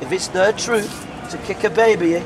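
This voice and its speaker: With music underneath, a high-pitched man at a moderate pace debates as a middle-aged street preacher. Assertive and repetitive, he keeps cutting in to regain the floor; the outdoor city-square recording carries street noise.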